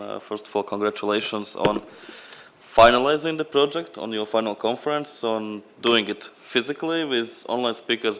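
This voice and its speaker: Lower-voiced man. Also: fairly bright tone. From Latvia. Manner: loose, unscripted delivery. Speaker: program representative at a conference. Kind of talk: conference presentation.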